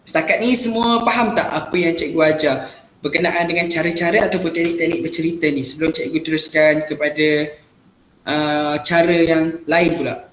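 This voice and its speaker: Guy teaching class, says ah a lot, slightly high voice, echoey room. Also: fairly even intonation, normal speed, a bit bright, slight background noise. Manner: patient, explaining with many "ah" fillers. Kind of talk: classroom role-play lesson.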